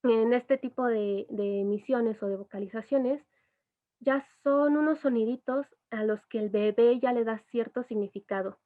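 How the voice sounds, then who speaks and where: Woman psychologist, fairly high voice, patient explainer, thin phone-line audio. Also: normal speed. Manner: patient, explains with asides and imitated baby sounds. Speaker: educational psychologist. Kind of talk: explanatory online talk.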